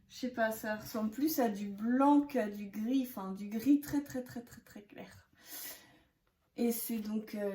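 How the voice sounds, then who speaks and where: Woman in her 30s, unhurried, hesitant scrapbooking vlogger; echoey room. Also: a little high. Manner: chatty, with many hesitations and soft laughs. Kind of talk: casual haul chat to camera.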